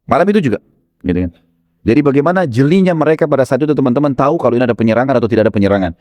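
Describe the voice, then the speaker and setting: A man preaching a sermon in storytelling style, animated and speaking to his listeners as friends with frequent tag fillers. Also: medium pitch, rapid-fire. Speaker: Islamic preacher.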